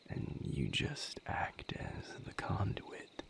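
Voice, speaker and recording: In an intimate audio roleplay, a man plays a gentle, wry vampire healer, a weary but content lover speaking to the listener. His breathy, gravelly near-whisper comes in halting, reflective, casually profane phrases, patient and thoughtful.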